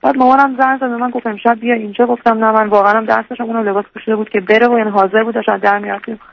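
A young female caller on a radio advice show, speaking in a flat, gravelly voice. She halts often and fills pauses while sounding unsure. The line is muffled and lo-fi. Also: fairly high pitch. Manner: hesitant, full of fillers and restarts, unsure. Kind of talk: personal story on a call-in show.

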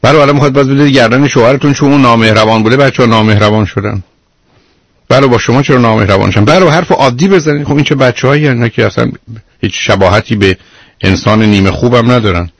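Blunt husky-voiced male radio host. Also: medium pitch, no echo. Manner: blunt, lecturing, interrupts the caller. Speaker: radio call-in advice host. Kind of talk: radio call-in counseling.

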